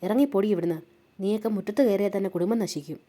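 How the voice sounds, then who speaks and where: Woman doing a harsh scolding housewife, loud and curt, dark mellow tone; audio story. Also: on the high side, expressive, quick pace, pitched above the performer's own voice, close to an everyday voice. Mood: scornful. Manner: scolding, dismissive. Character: harsh middle-aged woman, scornful and dismissive.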